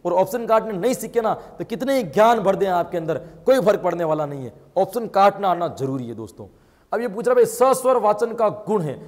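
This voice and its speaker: A man teaching an exam coaching lesson, talking rapidly and emphatically, firing rhetorical questions and calling his students friends and brother. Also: high-pitched, animated, big-room sound. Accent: Rajasthani Hindi. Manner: addresses viewers as friends and brother.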